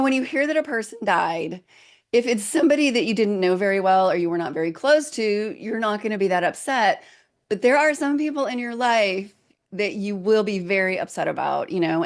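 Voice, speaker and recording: A woman hosts a casual podcast interview, her talk emotional and choked up. Her voice sits at an ordinary middle pitch. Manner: warm, emotional, gets choked up. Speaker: podcast host. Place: farm.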